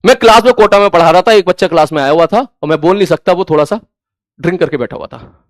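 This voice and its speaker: A man's voice: high voice, fast talker, no echo, studio quality. A man teaching physics online to his class, blunt and stern, repeating points for emphasis. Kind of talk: scolding lecture to an online class.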